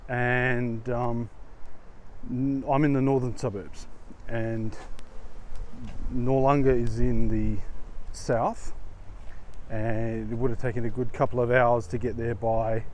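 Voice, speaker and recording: An Australian man talks to his vlog as he walks outdoors on a blustery day. His delivery is slow and halting, at an average male pitch, in loose casual rambling. Wind buffets the lavalier mic, laying some noise over his voice. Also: flat delivery, darkish tone. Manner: halting, unhurried. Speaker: vlogger. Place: outdoors, walking in a street in strong wind.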